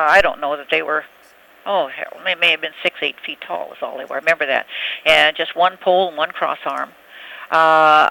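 An elderly woman reminiscing haltingly in a telephone interview, often searching for words. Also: low-pitched, gravelly, bright, forceful tone, low-quality recording. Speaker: oral history interviewee.

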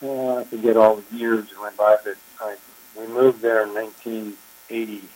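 An older man, a former park chief ranger, telling his story in an interview, unhurried and reflective with frequent pauses. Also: on the low side, flat delivery, darkish tone, low-quality recording. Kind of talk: oral history interview.

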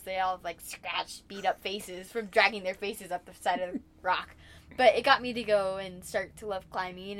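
A young woman talks easily about her life in a casual interview. Her voice sits at a middle pitch, and she talks in a chatty, rambling way with plenty of filler words. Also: fairly bright tone. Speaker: interviewee, kayaker.

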